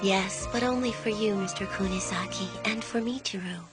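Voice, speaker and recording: A woman voicing a calm, politely formal teenage schoolgirl in an anime dub, who speaks in a quiet, gentle way. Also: medium pitch, normal speed, close to an everyday voice. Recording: music playing behind the voice. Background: music.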